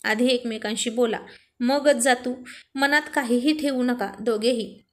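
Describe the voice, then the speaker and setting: A woman's voice: on the high side, fairly even intonation, unhurried, lightly acted. A woman voicing a cheerful young man who jokes with and soothes his friends in a spoken story. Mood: friendly.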